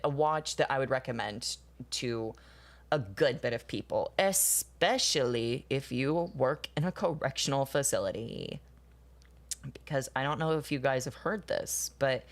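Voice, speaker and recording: Chatting casually with her viewers as she draws, a young streamer in her 20s with a low voice rambles, curses, laughs a lot, and responds to the chat.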